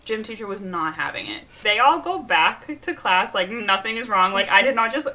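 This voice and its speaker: A young woman recounts childhood mishaps beside her sister in a relaxed, chatty way. Her voice is bright, and she sprinkles "like" everywhere, laughing through the telling. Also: medium pitch, normal speed. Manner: lively, lots of "like", laughing through stories. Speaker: co-host, sister. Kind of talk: casual storytelling chat.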